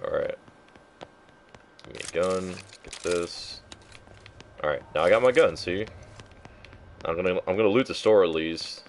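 A man's voice: sits low, a little slow, pauses often, slight background noise. A man streaming a game live, chatting to a viewer in a nervous, profane, casual way. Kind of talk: casual live gameplay commentary.

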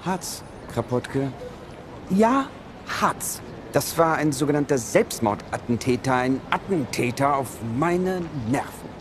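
An actor playing a stern young army captain who speaks in a clipped, pompous Prussian officer manner. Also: male voice, mid-range voice, animated, takes it slowly, background noise.

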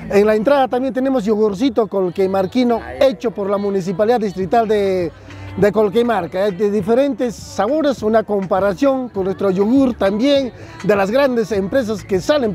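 A man's voice: sits high, normal speed, a little mellow, soft background music. A man, a municipal official at an outdoor fair giving an earnest press interview, listing items and adding tag questions. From southern Peru.

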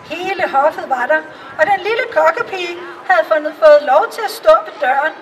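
A woman reading a fairy tale aloud in a calm storytelling manner. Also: extremely high pitch, distant mic, a faint crowd, a little hiss or hum, poor audio. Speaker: reader.

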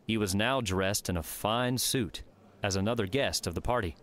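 A man narrating an audiobook in steady, even storytelling. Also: lowish voice, moderate pace. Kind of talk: scripted narration.

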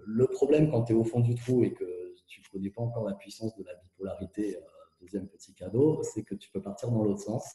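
A man gives a candid interview in a low, very dark voice, talking fast and restarting often. He is heard through a hands-free kit that makes the sound echoey and muffled. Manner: fast, tumbling speech with many hesitations and restarts. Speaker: interview guest.

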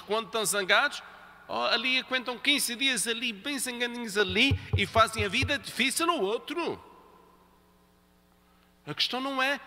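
A man's voice: very high voice, pushed and bright. A man preaching a sermon at Mass, talking conversationally and repeating key phrases for emphasis. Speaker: priest. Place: church. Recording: reverberant church hall.

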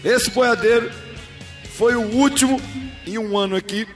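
A man's voice: very high-pitched, unhurried. A middle-aged man with a Brazilian accent analysing rodeo rides live, explaining emphatically in colloquial speech. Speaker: rodeo commentator, former rider. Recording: music behind live commentary. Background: music.

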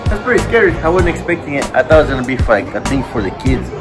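A man hosting his own vlog from a car at a car wash, talking playfully and excitably. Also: medium pitch, very fast, low-quality recording. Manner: playful, excitable, keeps saying "bro" and "huh?". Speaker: YouTube vlogger host. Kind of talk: casual vlog chat. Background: loud music.

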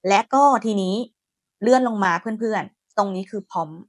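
A woman hosting a software tutorial, chatty and friendly, talking her viewers through each step. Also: mid-range voice, animated, unhurried, no room sound, clean studio sound. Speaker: AI tutorial host. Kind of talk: screen-recorded software tutorial.

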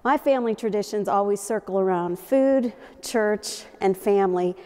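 Mellow-voiced middle-aged woman, hall echo. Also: medium pitch, normal speed. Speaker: development officer. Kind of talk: casual holiday greeting to camera. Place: large indoor hall with a Christmas tree. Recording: reverberant hall.

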